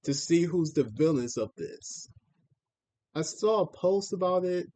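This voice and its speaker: Guy doing a casual reaction stream, kinda high voice, super animated, repeats himself a lot. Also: unhurried. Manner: repeats himself, exclaims with mild slang. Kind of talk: casual live reaction commentary.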